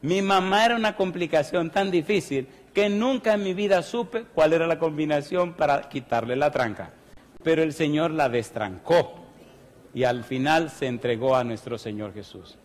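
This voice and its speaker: A man's voice: fairly high pitch, normal speed. A man preaching a sermon, telling a story and then pleading fervently for people to come forward. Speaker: pastor. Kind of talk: sermon with altar call. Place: church. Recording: long church hall reverb.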